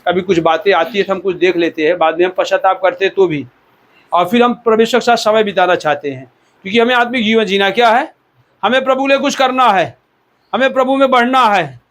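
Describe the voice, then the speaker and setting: A man's voice: high voice, fairly quick, fairly bright tone. A man from India preaching a sermon as pastor, exhorting the listeners and repeating key words for emphasis.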